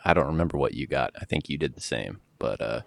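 A man with a very low voice chats on a podcast in an easygoing way, laughing often. He is recorded close on a dry mic with no room echo. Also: lively intonation, fast, gravelly. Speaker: podcast co-host. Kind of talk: casual chat.

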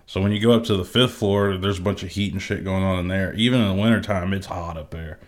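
A fairly low-voiced young man in his twenties, talking as a podcast co-host. His chat is laid-back and full of swearing, with frequent laughter between lines. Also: steady tone, quick pace. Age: 20s. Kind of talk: casual chat.

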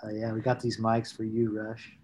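A man's voice: on the low side, completely flat delivery, normal speed, a little mellow. A man co-hosting a podcast in casual banter, rambling and joking, now and then slipping into goofy voices. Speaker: podcast co-host.

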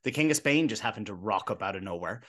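A man's voice: fairly low pitch, animated, a bit bright. A man co-hosting a golf podcast, telling stories enthusiastically in casual chat. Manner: fast storytelling, enthusiastic. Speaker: podcast co-host.

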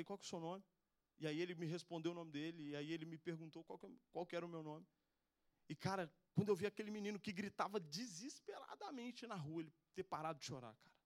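A young man with a Brazilian Portuguese accent, preaching and telling a personal testimony in a casual, slangy way. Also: on the high side. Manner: casual slangy storytelling, says "velho" a lot. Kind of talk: testimony sermon.

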